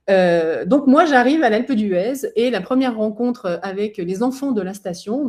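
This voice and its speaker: A woman's voice: mid-range voice, a little mellow. Chatty woman in her forties presenting. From southern France. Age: 40s. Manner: chatty, frequent hesitations, anecdotal asides. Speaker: former athlete giving a webinar talk. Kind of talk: conversational webinar presentation.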